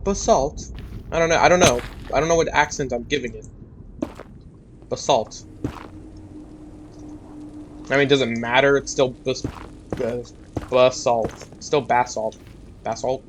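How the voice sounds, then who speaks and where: A man's voice: mid-range voice, steady tone, fast talker, fairly bright tone, slight background noise, poor audio. A young man giving casual, rambling gameplay commentary, muttering to himself and joking at his own expense. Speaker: gaming YouTuber.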